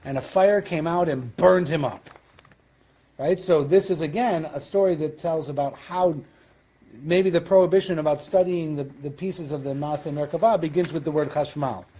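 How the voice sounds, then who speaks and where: A man's voice: on the high side, normal speed, mellow, slightly rough. A man with a Western New York accent teaching a Talmud class as rabbi, explaining in a conversational way with questions and asides. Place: synagogue classroom.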